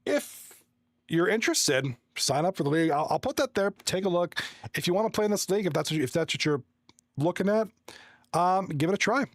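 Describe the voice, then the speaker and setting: A high-pitched man with lively intonation speaks fairly quickly, with no echo. He's a friendly, rambling esports hockey commentator from Toronto, Canada, chatting on a casual livestream. He reads chat aloud and runs through stats, often restarting.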